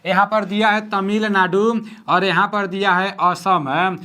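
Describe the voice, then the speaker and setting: A young man teaching exam questions at home at night, talking softly and repeating each question. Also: high voice, level tone, measured pace, clean tone. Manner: soft-spoken, repeats each question, frequent "theek hai na". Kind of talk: quiz-style exam lesson.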